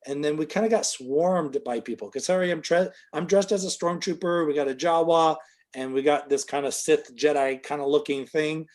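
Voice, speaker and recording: A man's voice: a little high, normal speed, darkish tone. A middle-aged man telling a long, casual story as an interview guest, full of fillers, and livelier when he quotes other people.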